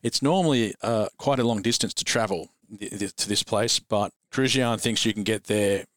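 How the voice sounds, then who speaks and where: A man narrating as dungeon master, relaxed and rambling, often chuckling. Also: on the low side, moderate pace, dry recording. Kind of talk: narrating a tabletop game.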